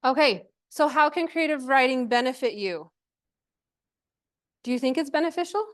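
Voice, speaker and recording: A woman presents a relaxed workshop to a live group at a normal speed, her voice high. She is talkative and encouraging and frequently checks in by asking questions.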